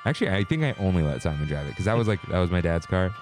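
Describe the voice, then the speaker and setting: Here is a young man in his twenties, co-hosting a casual podcast. His voice sits a little low but swings up and down a lot as he tells stories, laughing as he goes. Soft music plays underneath. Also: racing. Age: 20s. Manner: animated, laughing storyteller. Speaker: podcast co-host. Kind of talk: casual chat.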